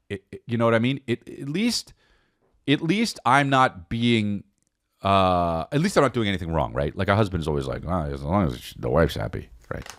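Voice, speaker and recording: An American man hosts a comedic podcast, telling personal stories in a casual, rambling, animated manner and repeating phrases for emphasis. His pitch is fairly low, and the recording is dry with a clean studio sound.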